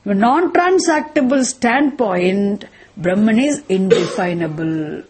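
A woman with a South Indian accent and a husky voice, teaching a philosophy lesson in a didactic way, repeating points and posing rhetorical questions. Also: mid-range voice, expressive, measured pace, darkish tone, slight background noise. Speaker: Vedanta teacher.

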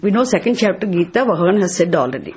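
A woman's voice: fairly low pitch, big pitch swings, quick pace, a little mellow, slightly rough. A woman with a Tamil accent teaching scripture verse by verse, repeating key phrases emphatically and checking with tag questions. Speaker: teacher of Sanskrit and Vedanta scripture. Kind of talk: teaching class, verse-by-verse explanation.

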